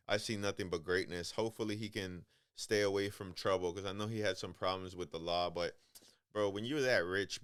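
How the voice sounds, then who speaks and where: Deep-voiced man rambling on a podcast. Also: fairly bright tone, clear, resonant tone, no echo, studio quality. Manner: profane, rambling, calls listeners bro; loose, hesitant delivery with many ums. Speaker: podcast host. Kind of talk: casual podcast monologue.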